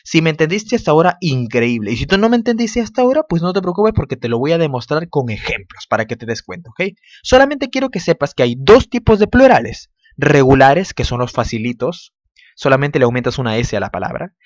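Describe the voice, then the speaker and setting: A man, teaching an English lesson in a lively way and often checking in with his students. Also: a little high, a little fast, no echo. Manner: animated, repeats words, checks in with "¿ok?". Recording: dull, dry close recording.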